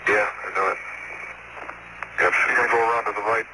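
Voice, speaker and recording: A man's voice: fairly low pitch, fairly even intonation, quick pace. Man on noisy astronaut radio. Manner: clipped technical callouts mixed with casual remarks. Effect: space radio transmission. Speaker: astronaut driving a lunar rover. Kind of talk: astronaut radio chatter, terse observations. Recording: noisy archival space radio link. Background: radio static and noise.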